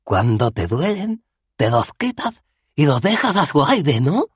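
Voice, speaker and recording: A man playing an old barbarian hero with a toothless, mumbling voice for a storybook reading. He is gruff and weary, pitched somewhat high and husky, and heard close and dry. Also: very animated, a little slow, dry recording, heavily acted. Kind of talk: audiobook character voice.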